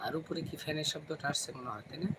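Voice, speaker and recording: A man hosting a casual live stream from home at night, speaking quietly so as not to wake the kids and chatting with viewers by name. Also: a little high, racing. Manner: talks softly, kids asleep nearby. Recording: noisy home recording, fan hum.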